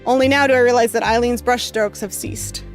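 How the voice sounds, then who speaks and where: Over soft background music, a woman streamer with a high-side voice and fairly even intonation speaks fairly quickly. She reads a visual novel's narration aloud and chats informally with viewers, rambling with many fillers, her voice fading from all the reading and an occasional cough slipping in.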